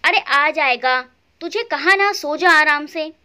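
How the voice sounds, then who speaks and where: A woman's voice: high-pitched, slow, bright, forceful tone, exaggerated voice. A woman voicing a harsh daughter-in-law who scolds her mother-in-law sharply. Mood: scolding.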